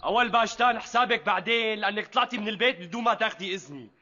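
A stern Damascene husband. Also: male voice, high-pitched, rapid-fire, pushed and bright, dull audio. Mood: commanding. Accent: Damascene Syrian. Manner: scolding, commanding. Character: stern young Damascene husband, quick-tempered. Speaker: husband, head of household. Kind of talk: TV period drama acting.

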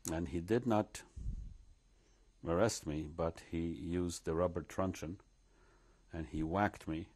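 An older Polish man sits in a living room wearing a lapel mic, slowly and reflectively recounting his memories as an interviewee. His low, darkish, slightly rough voice comes with many pauses and restarts.

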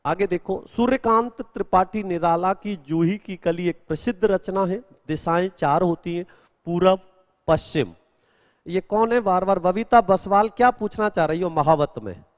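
A man's voice: sits high, moderate pace, in a large hall. A male Hindi grammar teacher in a live exam-prep class, explaining answers step by step and answering students' questions.

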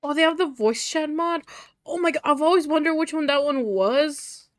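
A woman's voice: high voice, normal speed, no room sound, studio quality. A young woman with a slight Mexican accent, chatting casually and giggling while streaming a game. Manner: giggly, chatty, often laughs. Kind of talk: casual chat while gaming.

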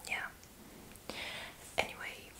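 A young adult woman whispers breathily and without voicing in an ASMR roleplay, speaking extremely slowly. Her manner is sassy and playfully deadpan. She is in a small indoor room.

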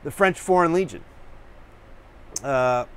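Male painting-show host, a touch high-pitched, casual and rambling, over-caffeinated, lots of restarts. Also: slow, clear, resonant tone. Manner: rambling, full of fillers and restarts; self-searching, hunts for words. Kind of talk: rambling casual chat to camera.

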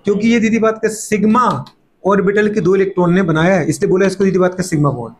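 A middle-aged man teaching chemistry to a class, firing off rhetorical questions and playfully scolding students, sometimes voicing their replies. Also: high voice. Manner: fast repeated catchphrases and rhetorical questions. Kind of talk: classroom lecture.

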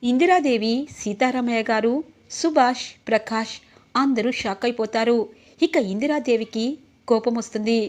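A woman retelling a TV serial episode scene by scene, in a steady storytelling manner. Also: fairly high pitch, normal speed. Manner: steady storytelling, reads every character's lines in her own voice.

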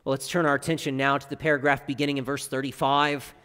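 A male pastor preaching a sermon, with expressive swings from loud emphasis to quiet, low asides. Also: quick pace, clear, resonant tone. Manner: expressive preaching with wide swings in pitch and loudness. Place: church sanctuary. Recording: long church reverb.

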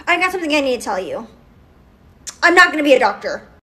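Woman doing a bright, sheepish teen kid. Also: high-pitched, sing-song, a little fast, exaggerated voice. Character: teen kid breaking career news to mom.

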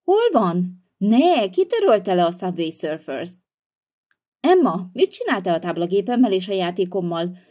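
A sulky, hot-tempered young boy, voiced by a woman for a toy-figure video. He whines and talks back in a mellow voice that leaps up and down in pitch. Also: big pitch swings. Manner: whiny and defiant.

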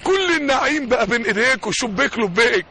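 An Egyptian man in his forties preaching an impassioned sermon in an Egyptian accent, rising to shouts as he quotes scripture. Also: very high voice, animated, fast talker, creaky, background noise. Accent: Egyptian Arabic. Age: 40s. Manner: fervent, rising to shouts when quoting scripture.

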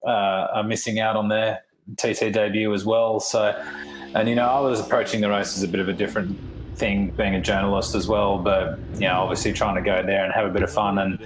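A man, a rider and journalist, giving relaxed interview answers full of fillers. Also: on the low side, fairly quick. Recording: echoey room, faint noise.

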